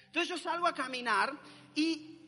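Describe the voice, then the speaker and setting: A man's voice: extremely high pitch, lively intonation, normal speed, sharp tone, in a large hall. A young man, animatedly telling a dramatic personal testimony. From Argentina.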